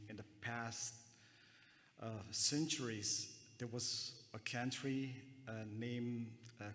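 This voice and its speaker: At a conference, an Afghan counterterrorism analyst speaks in a middle-pitched, slightly bright voice, hesitating often with many fillers and restarted sentences. Long hall reverb trails after each phrase.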